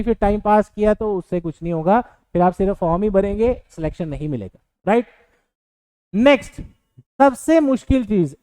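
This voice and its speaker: A man's voice: high voice, mellow, clean tone, dry recording, rough recording. A man teaching exam aspirants, giving earnest advice in a motivational lecture with a few fillers. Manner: earnest, advising, with fillers and English words mixed in. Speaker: coaching teacher.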